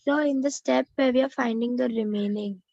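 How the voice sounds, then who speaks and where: A woman's voice: a little high, a little fast, creaky, a little mellow, no room sound, dull audio. A young woman, a student in an online class, politely asking her teacher questions and calling him sir. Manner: polite, keeps saying sir.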